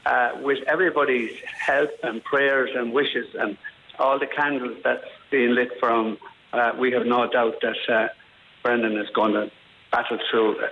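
A man's voice: mid-range voice, fairly even intonation, a little slow, muffled recording. A man talking casually and reminiscing as a guest on a radio show. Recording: noticeable faint background noise.

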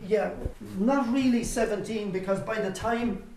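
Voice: mid-range voice, a little slow, a little mellow, slight background noise, rough recording. Older Cork speaker, easy storytelling. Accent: Irish, Cork. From County Cork, Ireland. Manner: explains by listing and repeating phrases for emphasis. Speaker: interviewee and local lighthouse guide who grew up in a keeper's family. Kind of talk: conversational storytelling and guided reminiscence.

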